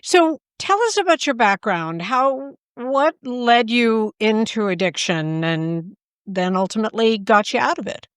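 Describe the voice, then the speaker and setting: Bright-voiced woman podcast host. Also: a little high, expressive, unhurried, smooth, dry recording, studio quality. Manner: conversational, trailing filler phrases. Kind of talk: casual interview.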